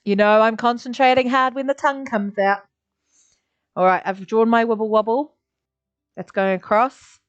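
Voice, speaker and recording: A woman's voice: a little high, steady tone, normal speed, pauses often, clear, resonant tone. A woman teaching a live online drawing lesson, chatty and encouraging, making little sound effects as she draws. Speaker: art teacher. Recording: slightly dull lo-fi audio.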